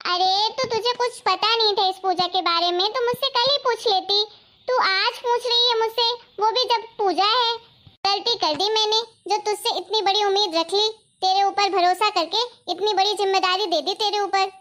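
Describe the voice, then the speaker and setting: A woman's voice: very high-pitched, steady tone, a little slow. A woman voicing a stern, bossy mother-in-law who scolds and commands in a cartoon story. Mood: scolding. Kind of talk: cartoon voice acting.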